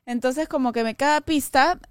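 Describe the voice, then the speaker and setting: Una mujer con acento peruano que cuenta una anécdota personal de forma animada, con muchas muletillas y frases que retoma, en una charla casual de pódcast. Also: female voice, high-pitched, moderate pace, dry recording. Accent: Peruvian Spanish. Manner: animated rambling storytelling, restarts and fillers. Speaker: podcast co-host telling a personal story. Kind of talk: casual chat.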